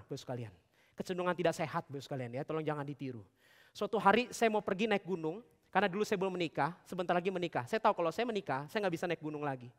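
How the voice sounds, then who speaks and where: A male pastor delivering a sermon to his congregation in a high, bright voice. He moves from hushed asides to loud, emphatic declarations and acts out little exchanges of dialogue. The sound carries the long reverb of a church hall. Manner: swings between quiet asides and loud emphatic preaching.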